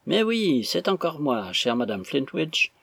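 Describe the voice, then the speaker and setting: A man's voice: fairly high pitch, sing-song, measured pace, vocal fry, slightly rough, no echo, voice pushed up, heavily acted. A man doing a swaggering, mocking stranger. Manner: loud, mocking, theatrical. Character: swaggering, impatient, boisterous male stranger.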